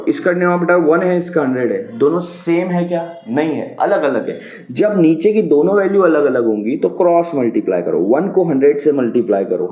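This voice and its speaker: A male maths teacher talks through a worked problem in a slightly raised voice, patiently repeating each step. He asks questions and answers them himself. The sound is roomy and dull, like a lo-fi classroom video. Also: on the high side.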